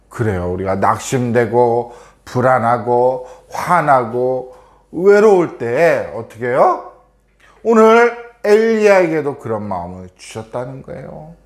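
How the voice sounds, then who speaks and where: A male pastor delivers a children's sermon in a fairly high voice. His pitch rises and falls a great deal, and he keeps asking the young listeners questions as he tells the story.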